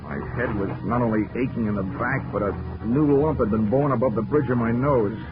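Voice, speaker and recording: A man's voice: mid-range voice, brisk, music in the background, close to an everyday voice. Man acting Johnny Dollar, wry radio detective, muffled recording. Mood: weary, wry. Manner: deadpan, wisecracking. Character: wry, hard-boiled insurance investigator narrating his case. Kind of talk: 1940s radio detective narration.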